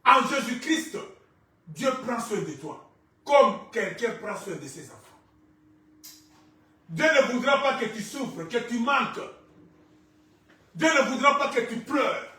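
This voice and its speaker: A male pastor preaching a sermon, rising to shouts and falling quiet, with Lingala phrases mixed in. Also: extremely high pitch, lively intonation, a little slow, long pauses. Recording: echoey church from far off.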